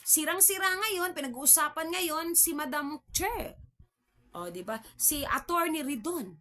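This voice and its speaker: A woman's voice: high voice, animated, measured pace, sharp tone. A woman from the Philippines giving casual political commentary on her vlog, chatty, with constant tag questions and mocking laughs. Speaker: vlog host.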